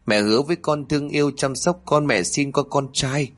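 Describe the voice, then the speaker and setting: A man voicing a cruel, frantic woman in a horror story, shrill and sobbing. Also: moderate pace, close to an everyday voice.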